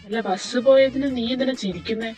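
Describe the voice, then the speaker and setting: A woman's voice: fairly high pitch, fairly quick, a little mellow, soft background music, natural voice. A woman voicing a sarcastic, snappy young man. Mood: mocking. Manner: mocking, snappy.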